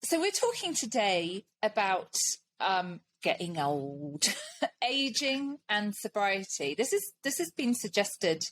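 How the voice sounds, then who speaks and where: A woman's voice: medium pitch, big pitch swings, takes it slowly, fairly bright tone. A British woman in her late forties hosting a podcast, chatting casually and laughing often. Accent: British English. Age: 40s. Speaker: podcast host.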